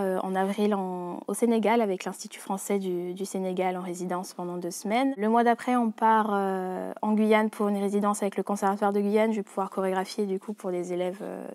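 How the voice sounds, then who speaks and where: A woman's voice: mid-range voice, a little mellow. A woman in her twenties from French Guiana, a dancer and choreographer, talking about her work in an interview with frequent hesitations and restarts. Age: 20s. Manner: hesitant, many fillers and restarts. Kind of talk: interview monologue.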